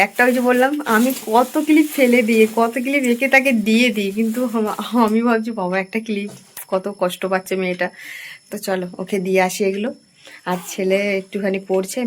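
A woman's voice: mid-range voice, steady tone, slight background noise. A woman in her thirties with a Bengali accent, chatting casually in a home vlog about her evening. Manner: chatty, drawn-out, softly spoken at times. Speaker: vlogger. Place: home at night.

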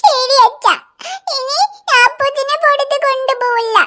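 A tiny cartoon girl with a piercingly high, sparkling voice. She is an earnest big sister who coaxes and comforts her baby brother, and her childlike tone rings bright and sharp. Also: steady tone, moderate pace. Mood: worried. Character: little girl, caring older sister. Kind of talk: cartoon voice acting.

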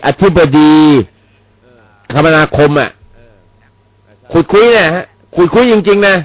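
A high, very lively male voice hosting a call-in radio talk show. He jokes bluntly, swears casually and chuckles between points. The sound is dull and lo-fi, like an AM broadcast. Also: slow, no echo. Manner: joking, blunt and profane, chuckles often. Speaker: radio host.

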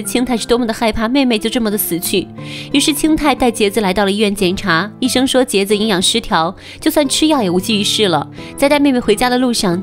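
A woman narrating a film recap in a scripted storytelling style. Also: fairly high pitch. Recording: narration over faint background music.

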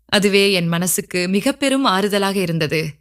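A woman storyteller reading a scripted story in a steady, even narrative voice. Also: mid-range voice, a little slow.

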